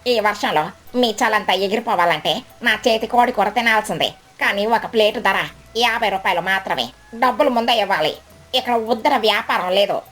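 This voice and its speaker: A woman's voice: mid-range voice, normal speed, a bit bright, faint music behind, natural voice. A woman doing a brash, greedy crow cook. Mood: boastful. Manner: brash, haughty, scornful. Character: greedy, boastful crow who sells curry.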